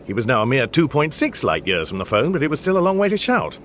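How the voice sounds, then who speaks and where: An actor in a radio comedy drama plays a mild, baffled, apologetic Englishman with an English accent, speaking hesitantly with dry understatement and a bemused, rueful mood. His mid-range voice swings hugely in pitch at a quick pace, with a little hiss or hum in the recording.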